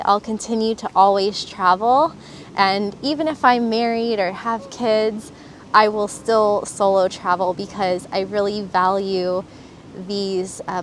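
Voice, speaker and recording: A woman from Florida shares her thoughts on travel in a casual, reflective vlog, earnest and enthusiastic in a mid-pitched voice. She is recorded outdoors, with a faint wash of ambient noise under her voice. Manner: earnest and enthusiastic, with some fillers. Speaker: travel vlogger.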